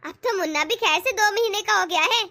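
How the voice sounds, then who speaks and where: A woman's voice: very high voice, brisk, sharp tone, no echo, clean studio sound, exaggerated voice. A woman doing an earnest young daughter-in-law. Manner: earnest, pleading. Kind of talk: cartoon voice acting.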